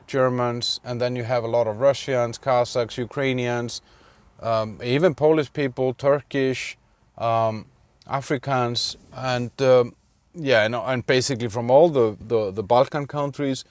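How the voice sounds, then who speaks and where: A man's voice: medium pitch, clean tone, dry recording. A man from Iceland talking casually in a vlog, rambling with many fillers and restarts, sitting in a car. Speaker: vlogger.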